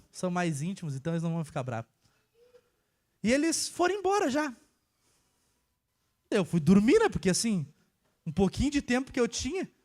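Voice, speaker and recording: A young man from preaching a casual sermon, telling a personal story and swinging between hushed and emphatic delivery. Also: very high voice. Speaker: church worker preaching.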